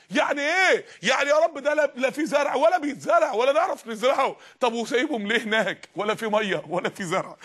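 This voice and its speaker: Egyptian male preacher, high husky voice, quick emphatic sermon delivery with rhetorical questions. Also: a bit bright. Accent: Egyptian Arabic.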